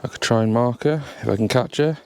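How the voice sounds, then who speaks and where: A fast-talking man with an English accent and a creaky, medium-pitched voice with a clean tone narrates casually while working his beehive. He's a beekeeper in a bee suit in a grassy apiary, sniffly from hay fever, relaxed and thinking aloud. The camera sits near the hive.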